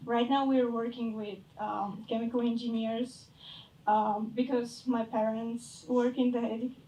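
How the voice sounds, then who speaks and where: A young woman from Bulgaria pitching her startup and answering judges' questions, hesitant and searching for words. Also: level tone, unhurried, warm tone, slight background noise. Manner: hesitant, searching for words, fades at phrase ends. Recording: echoey hall from far off.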